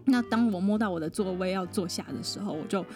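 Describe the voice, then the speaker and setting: A woman, a psychologist guest on a podcast, telling a personal story in a lively way, often laughing and mimicking other people. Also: medium pitch, quick pace, faint music behind.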